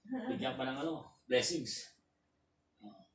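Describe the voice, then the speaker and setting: A Filipino man coaching a patient through exercises, counting reps aloud and shouting cheers. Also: a little high, very animated, slow, vocal fry. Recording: roomy, distant, faint room noise.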